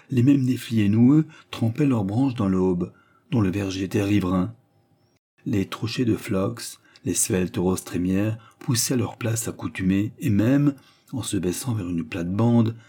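A man narrating a classic novel as an audiobook in a measured, even way. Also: on the low side, husky.

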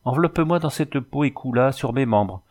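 A man reading aloud, voicing a proud young native woman in a storybook who speaks calmly and solemnly, often calling herself by name. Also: medium pitch, brisk, pitched above the performer's own voice, natural voice. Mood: commanding.

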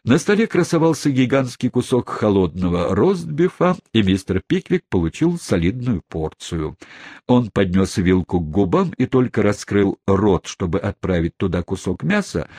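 Husky low male audiobook narrator. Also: no echo, studio quality. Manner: expressive storytelling. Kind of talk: scripted narration.

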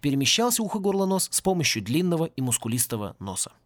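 Expressive male audiobook narrator. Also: fairly high pitch, fast, dry recording. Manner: wry, expressive storytelling. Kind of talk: scripted narration of satirical fantasy. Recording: dry, close-miked home recording.

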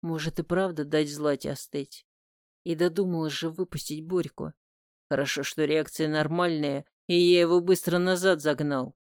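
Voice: mid-range voice, fairly even intonation, moderate pace, smooth, no echo. An audiobook narrator reading a first-person romance with emotional, intimate delivery, recorded on a close studio mic.

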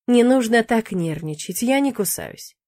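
A woman's voice: a little high, lively intonation, measured pace, warm tone, dry recording. A woman voicing a playful, teasing young male demon in an audiobook, in a cheeky, bantering manner.

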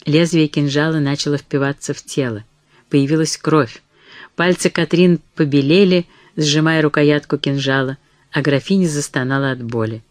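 Audiobook narrator, measured and even, dry close sound, mid-pitched voice. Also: no room sound.

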